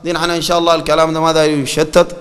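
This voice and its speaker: A man with a Sudanese Arabic accent giving a colloquial sermon, animated and mocking, often quoting scripture. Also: a little high, very fast, big-room sound. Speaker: preacher.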